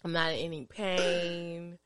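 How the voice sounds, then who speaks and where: A woman's voice: lowish voice, flat delivery, slow, a loud crowd. Woman, thirties, casual, earnest, hesitant, podcast banter. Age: 30s. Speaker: podcast co-host.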